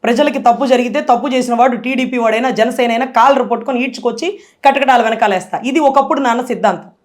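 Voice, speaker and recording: Woman guest, high voice, rapid and impassioned delivery for a political interview. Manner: impassioned, forceful, tearful at times.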